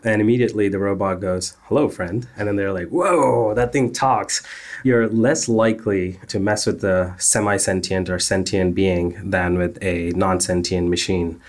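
A man's voice: sits low, level tone, moderate pace, few pauses. A man, a startup founder, answering interview questions in an earnest, technical way with frequent filler sounds.

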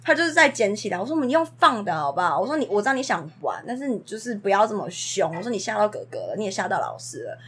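Lively husky teacher woman. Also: mid-range voice, rapid-fire, hardly any pauses. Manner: animated storyteller, acts out children's lines. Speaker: daycare teacher. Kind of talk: casual chat.

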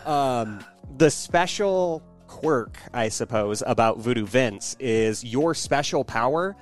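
A man's voice: mid-range voice, lively intonation, takes it slowly, faint music behind. A man co-hosting a podcast, talking casually about video games. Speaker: podcast co-host.

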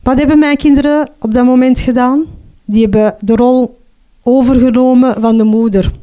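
A middle-aged Flemish woman telling her own story as a mother, emotional and halting, often restarting and adding "hè". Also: high voice, fairly even intonation, dark tone. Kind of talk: personal testimony.

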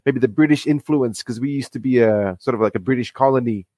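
A man in his forties from Fiji, a comic creator talking as a podcast guest, friendly and halting with many restarts. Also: mid-range voice, mellow, no echo. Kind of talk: casual interview.

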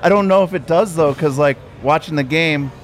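A man's voice: on the high side, normal speed, slight background noise. A man co-hosting a sports podcast, talking in an easygoing, casual way with fillers. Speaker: podcast co-host.

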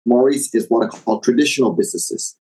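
A middle-aged man from Taiwan, raised in Indonesia, speaking as an interview guest in a measured, reflective way with some fillers. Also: medium pitch, lively intonation, a little mellow, husky, poor audio. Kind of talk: interview, personal background.

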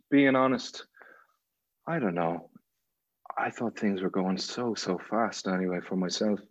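A very deep-voiced Irish man talks through a relaxed podcast interview, wandering and restarting his thoughts often. The sound is dry and a little dull, like a home recording. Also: slow pace, pauses often, dry recording. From Ireland. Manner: rambling, many restarts and fillers. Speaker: actor guest.

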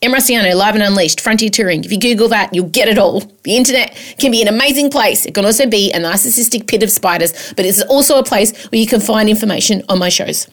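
A woman's voice: medium pitch, quick pace, hardly any pauses. An Australian woman hosting a comedic podcast as a chatty monologue, campy, theatrical and self-mocking, with the odd swear word.

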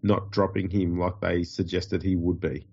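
A man's voice: sits low, level tone, moderate pace, creaky, dark tone, highs cut off. A man with an Australian accent and a nasal, stuffed-up voice from a runny nose, hosting a podcast in casual, dryly joking banter. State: getting over covid with a runny nose. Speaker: podcast host.

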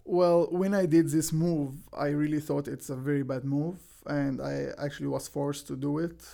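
Gravelly Egyptian-accented young man. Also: fairly high pitch, steady tone, moderate pace, warm tone. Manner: plain, earnest, simple non-native phrasing with restarts. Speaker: guest, professional soccer defender. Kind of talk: casual interview answers.

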